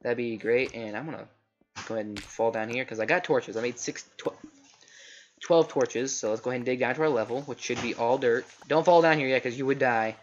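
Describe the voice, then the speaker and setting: A young man plays a game and rambles through chatty commentary, often stopping mid-sentence to correct himself. His voice is mid-range, slightly scratchy and a little fast, in a slightly dull home recording with faint noise.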